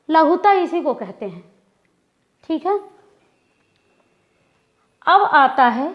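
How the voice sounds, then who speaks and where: Slow, deliberate woman teaching grammar. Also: sits high, lo-fi sound. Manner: slow, deliberate, repeats and demonstrates pronunciations. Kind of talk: classroom-style lecture.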